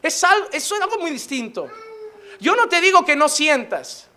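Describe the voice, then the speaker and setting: A man's voice: very high-pitched, big pitch swings, normal speed, pushed and bright, a little hiss or hum. A man preaching a sermon as a pastor, impassioned and emphatic, with touches of humor.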